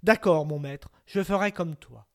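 Man voicing a young storybook hero, bold, cunning, polite, eager, fairly high voice. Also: measured pace.

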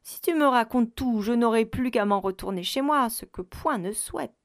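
A woman reading the part of a grumpy, haughty medieval duke, speaking slowly in stately, archaic phrasing. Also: on the high side, animated, no room sound, studio quality.

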